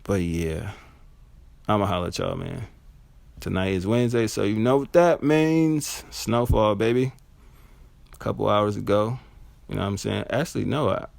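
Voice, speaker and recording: Gravelly-voiced man, blunt and profane. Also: no echo. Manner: blunt, profane, animated with high-pitched mock reactions. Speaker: music reviewer. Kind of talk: casual solo album review.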